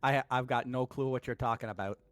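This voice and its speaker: A man's voice: mid-range voice, fairly even intonation, a little fast, no echo, natural voice. A man voicing a folksy, plain-spoken small-town character in a tabletop game. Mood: bemused. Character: folksy man from small-town Minnesota, puzzled by modern slang.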